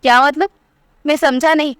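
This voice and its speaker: A woman's voice: high-pitched, fairly even intonation, normal speed, fairly bright tone, dry recording, studio quality. A woman voicing a young husband who speaks earnestly and pleads with his wife. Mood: pleading. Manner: earnest, then exasperated.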